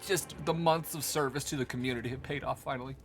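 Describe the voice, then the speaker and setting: A young man hosting a casual game stream, playful and teasing, with bursts into a high squeak. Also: steady tone, fast talker, a little hiss or hum. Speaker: streamer host.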